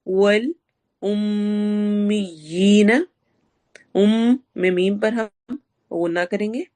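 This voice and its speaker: Woman, tajweed teacher, slightly hoarse throat, online lesson, explains step by step, asks questions, medium pitch. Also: dark tone. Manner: mixes English words into her speech. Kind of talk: online class lecture.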